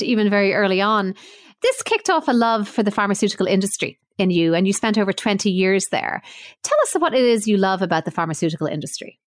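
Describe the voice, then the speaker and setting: A woman host reading a scripted intro and asking curious, measured interview questions. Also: medium pitch.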